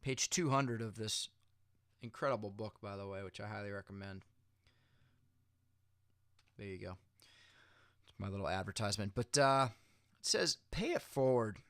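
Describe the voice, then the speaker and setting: A man hosting a motivational video series gives viewers a halftime-style pep talk directly, conversational and encouraging, leaning on repeated phrases for emphasis. His lowish, fairly bright, smooth voice moves at a moderate pace with long pauses, captured in studio quality with no echo.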